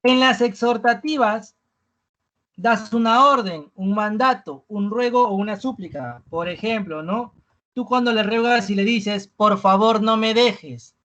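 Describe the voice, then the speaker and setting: A teacher giving a live online review class, ending almost every phrase with a questioning "¿no?" and repeating key words slowly for emphasis. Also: mid-range voice, fairly bright tone, dull audio.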